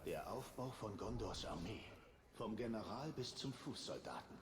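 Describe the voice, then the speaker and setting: Determined, expressive ranger hero. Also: male voice, on the low side, moderate pace, background noise. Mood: grim, determined. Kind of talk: fantasy video game acting.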